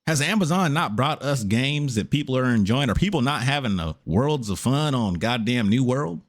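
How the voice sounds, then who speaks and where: A worn-out man reacting on stream in a loose, casual way. He lectures with exasperation and keeps saying "brother" at the screen. His voice sits at an ordinary middle pitch for a man. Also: expressive, normal speed. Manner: exasperated, preachy, says "brother" a lot. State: tired after a long stream.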